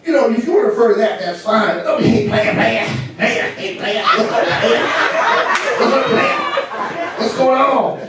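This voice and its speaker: A man with a high voice preaches a lively sermon, mocking and laughing as he goes. He is picked up from far off in a very echoey church. A congregation is clearly heard around him. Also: moderate pace, over a noisy crowd. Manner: animated, mocking, laughing asides. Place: church sanctuary.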